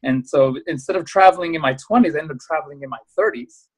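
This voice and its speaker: A man in his thirties, born in Pakistan and raised in the US, talking as a podcast guest in a casual, animated way with fillers. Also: on the high side. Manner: animated, rapid storytelling with fillers. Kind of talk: casual interview chat.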